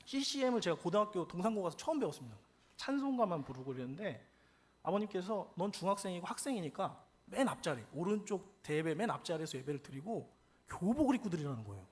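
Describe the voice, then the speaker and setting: Husky, animated Korean pastor telling stories. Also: male voice, sits high, fast. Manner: animated, acts out quoted lines. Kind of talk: storytelling sermon.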